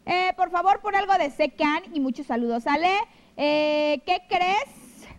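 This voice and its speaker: Her very high voice moves a little slowly, and the audio is poor. She's a Mexican TV host speaking Mexican-accented Spanish live from a studio into a handheld microphone, warmly chatting, reading viewer messages, and showering them with pet names.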